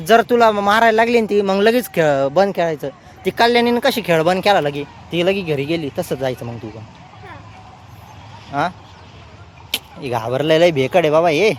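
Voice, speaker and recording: A man's voice: a little high, a little hiss or hum. Teasing young man. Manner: teasing, coaxing, chatty. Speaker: vlogger. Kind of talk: casual vlog commentary.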